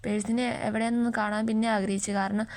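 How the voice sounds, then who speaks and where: Fast, flat-voiced woman retelling a story. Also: mid-range voice. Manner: chatty, fast retelling with frequent tag words. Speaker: YouTube story explainer.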